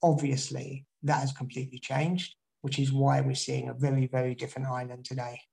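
His voice is medium-pitched but barely moves, brisk and creaky with a darkish tone: a UK guest speaker giving an online talk and Q&A. He rambles, restarting frequently and filling pauses.

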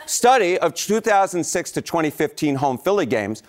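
Lively man explaining numbers. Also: a little high. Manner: quick, enthusiastic, often adds "right?". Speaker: data analyst on a morning news show. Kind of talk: explaining statistics on live TV.

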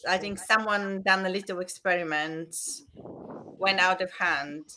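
A woman's voice: on the low side, steady tone, unhurried, noisy background. Hesitant woman from Bulgaria, English. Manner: hesitant, unsure, non-native phrasing. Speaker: listener guest. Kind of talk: casual chat.

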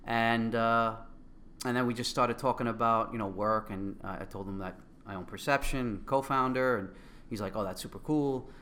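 A middle-aged man speaks with a Queens, New York accent and a bright, punchy voice. He tells his story casually and excitably, acting out what each person said as he goes. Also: medium pitch, normal speed, a little hiss or hum. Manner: animated, excitable storytelling with acted-out quotes. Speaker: guest, company co-founder. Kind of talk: casual anecdote telling.

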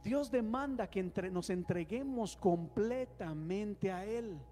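A slow, mellow, high-voiced man preaches a sermon in a church hall. As pastor, he calls for the congregation's response and leads them in prayer, with faint music and long hall reverb in the background.

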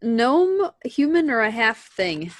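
A woman's voice: on the high side, sing-song, takes it slowly. A woman in casual chat, giggly and enthusiastic.

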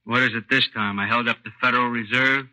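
An actor playing a cocky, evasive small-time American criminal, sarcastic and curt, in 1950s radio drama style. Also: male voice, medium pitch, fairly even intonation, fast, bright, forceful tone, rough recording. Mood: sullen sarcasm.

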